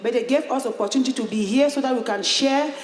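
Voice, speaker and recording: A woman's voice: high-pitched, quick pace. A woman from Cameroon speaking from the audience at a forum, making an earnest appeal. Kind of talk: pleading audience remarks. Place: large conference hall. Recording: echoey hall, heard from afar.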